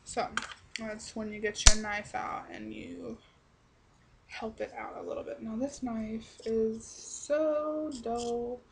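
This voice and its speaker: A woman's voice: on the high side, fairly even intonation, slow pace, gravelly, heavy background noise. A young woman giving a casual, chatty review to camera, rambling along in a blunt, salty-tongued way. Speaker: product reviewer.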